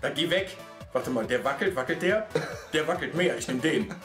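Campy drag queen man, very animated delivery. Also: a little high, normal speed. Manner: campy drag queen, dramatic, whiny protesting. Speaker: drag queen, challenge participant. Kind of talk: comic food challenge banter. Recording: roomy, music behind.

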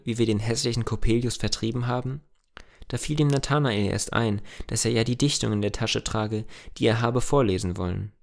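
Gravelly-voiced man reading a classic tale. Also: fairly low pitch. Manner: plain reading with small slips and restarts. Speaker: audiobook reader. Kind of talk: reading a classic novella aloud.

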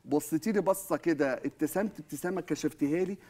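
Rapid-talking Egyptian man, provocative. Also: fairly high pitch, mellow. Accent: Egyptian Arabic. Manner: provocative, lecturing with examples. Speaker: panel guest. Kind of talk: TV panel debate.

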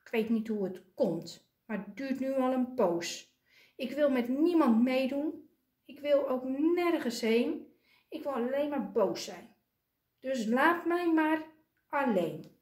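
A woman's voice: high voice, animated, takes it slowly, a little mellow, reverberant. A woman voicing a stubborn sulky young penguin. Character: grumpy young male penguin, sulking.

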